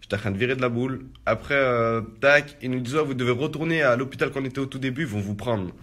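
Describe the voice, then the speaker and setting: A man's voice: mid-range voice, quick pace, fairly bright tone. A young man casually recounting a personal ordeal in street slang, filling his speech with "en gros". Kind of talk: casual spoken testimony.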